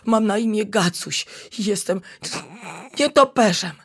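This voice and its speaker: A woman's voice: medium pitch, a little slow. A woman voicing a tiny, frightened young bat who is freezing, stuttering with chattering teeth, in a whispered role-play.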